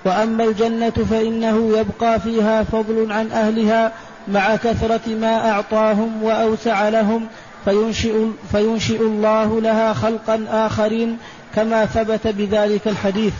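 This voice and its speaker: A man with a high, very flat voice reading a religious text aloud in a steady recitation, sometimes stopping to restart a word. It sounds like a muffled old lecture tape with a faint hiss. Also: normal speed.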